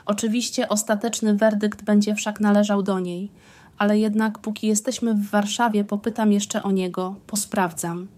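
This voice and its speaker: A woman's voice: medium pitch, little pitch movement, a little mellow, lightly acted. Woman reading as an uneasy old count. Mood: cautious. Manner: cautious, measured, hesitant. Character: anxious ailing elderly nobleman count.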